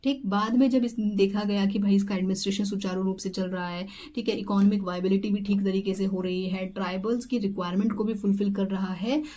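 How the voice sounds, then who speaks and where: A woman's voice: mid-range voice, warm tone. A woman teaching an exam-prep lesson, explaining step by step with rhetorical questions and English terms mixed in. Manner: mixes English terms into Hindi.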